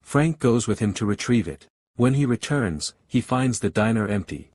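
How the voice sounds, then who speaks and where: A man narrating a film recap in a steady, even scripted storytelling voice. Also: mid-range voice, normal speed, dry recording.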